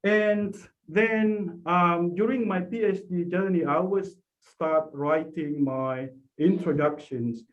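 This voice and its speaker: Male lecturer, Indonesian accent, high-pitched voice, slow explanatory delivery, checks in with short tag questions, dull lo-fi sound. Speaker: lecturer, academic presenter. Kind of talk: informal academic talk on language teaching. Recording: dull lo-fi audio.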